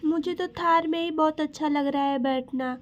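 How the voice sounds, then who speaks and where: A woman's voice: sits high, steady tone, moderate pace, lo-fi sound, natural voice. Riya, a woman voicing a cheerful little girl.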